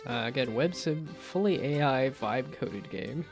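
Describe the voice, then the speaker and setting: A male livestreamer talks casually while playing games. His voice sits at an ordinary male pitch with a good deal of creak. He rambles and lets thoughts trail off, with music playing behind him. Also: expressive, a little slow. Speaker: livestreamer host.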